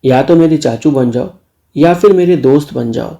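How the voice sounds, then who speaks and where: A man's voice: fairly high pitch, moderate pace, creaky, warm tone. Man doing a cheeky young nephew. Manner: cheeky, defiant.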